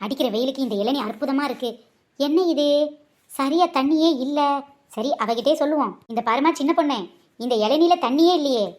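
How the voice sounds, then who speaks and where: A woman's voice: fairly quick, natural voice. A woman voicing a fussy, complaining old grandmother customer in a comedy skit. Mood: indignant. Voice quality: high, thin old-lady voice. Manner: complaining, sharp-tongued.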